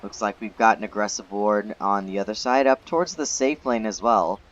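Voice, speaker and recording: A man's voice: lowish voice, brisk, dull audio, slight background noise. A man casting an esports match live, explaining the play in an analytical way. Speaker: esports caster.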